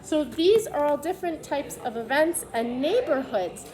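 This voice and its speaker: In a high-pitched, expressive voice with a darkish tone, a woman reads a picture book aloud to young children, stopping to explain things simply as a preschool teacher would. The recording quality is low.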